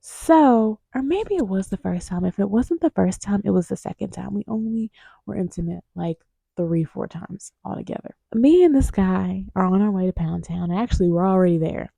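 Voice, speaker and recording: Gravelly, mellow-voiced woman vlogger. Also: medium pitch, moderate pace, no room sound. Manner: frank and profane, with sudden loud outbursts; drops to a hushed, near-whispered aside at times. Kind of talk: candid casual storytelling.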